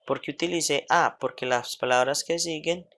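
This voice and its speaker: A man teaching English grammar in Spanish, who says each English example slowly and often checks with "¿sí?" and "¿cierto?". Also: on the high side, a bit bright. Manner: checks understanding with frequent "¿sí?" and "¿cierto?". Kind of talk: slow classroom explanation of grammar.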